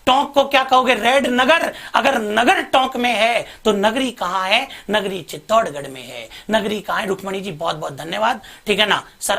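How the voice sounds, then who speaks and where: Brief: male tutor, bright forceful voice, rapid repetitive drilling of mnemonics to online students. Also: very high-pitched. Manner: lively, repetitive drilling, addresses viewers as bhai sahab. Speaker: teacher. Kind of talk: online exam-prep lesson with mnemonics.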